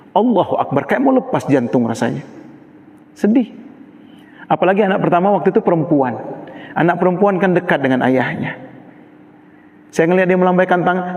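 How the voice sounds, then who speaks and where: A middle-aged man preaches to students in a large mosque, his fairly high voice rising and falling as he tells heartfelt stories and acts out the people in them. His voice carries a long echo through the hall. The recording sounds somewhat dull and muffled. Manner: emotional storyteller acting out quoted voices. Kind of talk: sermon with personal storytelling.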